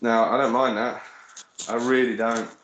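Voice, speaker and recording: A man's voice: mid-range voice, flat delivery, normal speed, fairly bright tone. A man with a Birmingham accent, co-hosting a podcast in rambling, sweary casual chat. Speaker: podcast co-host. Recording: echoey room with faint noise.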